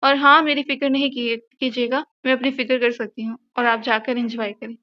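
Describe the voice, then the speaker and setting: A woman's voice: a little high, little pitch movement, a little fast, lo-fi sound, lightly acted. A woman voicing a defiant young wife. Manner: sharp, reproachful retorts. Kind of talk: audio novel reading.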